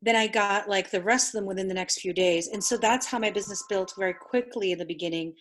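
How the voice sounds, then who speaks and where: A woman whose first language is Spanish, hosting a conversation as a business coach and telling lively stories. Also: medium pitch, quick pace, slight background noise. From New York City. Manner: animated storyteller, acts out quoted voices. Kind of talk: conversational interview.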